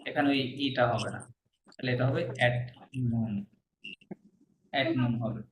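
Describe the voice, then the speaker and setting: A man's voice: medium pitch, slow pace. A man from Bangladesh teaching a French class, patiently repeating words and quizzing his students. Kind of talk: classroom lesson. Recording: echoey room with faint noise.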